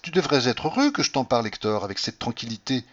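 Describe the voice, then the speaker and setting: A man's voice: medium pitch, sing-song, fast. A man reading an audiobook, voicing a young wife who is feverish and shivering and talks in a teasing, coaxing manner. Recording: dull lo-fi recording.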